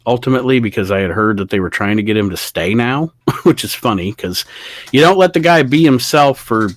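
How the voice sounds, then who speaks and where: A man's voice: mid-range voice, lively intonation, a little fast, no room sound. A man co-hosting a podcast in casual, opinionated chat, reading viewer comments aloud. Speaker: podcast co-host.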